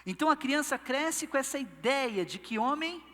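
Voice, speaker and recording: A man's voice: very high-pitched, animated, normal speed, bright, forceful tone, big-room sound. A male pastor with a Brazilian Portuguese accent preaching a sermon, telling stories playfully and acting out quotes. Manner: playful storytelling, acts out quotes. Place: church service.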